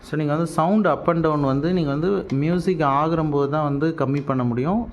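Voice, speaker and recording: Speaking slightly high and a little quickly, this man has a Tamil Nadu accent and mixes English terms into his relaxed unboxing-vlog explanations as a product reviewer. The recording is muffled, with constant background noise that's easy to notice.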